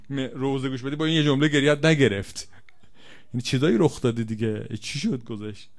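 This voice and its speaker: A man's voice: mid-range voice, creaky. A man giving a religious lecture, reading aloud from an old Arabic text and translating it line by line for his listeners. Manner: swings from quiet to loud, emotional emphasis. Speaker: preacher.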